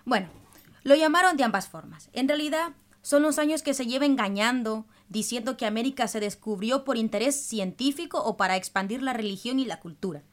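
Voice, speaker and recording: Speaking a little high and a little fast, this woman from El Salvador presents a radio show. Her explanations are scripted and instructive, delivered within a dialogue-style broadcast.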